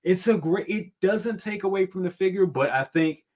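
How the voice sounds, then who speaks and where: A man guesting in a casual chat, animated and opinionated. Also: sits high, normal speed. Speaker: guest toy reviewer.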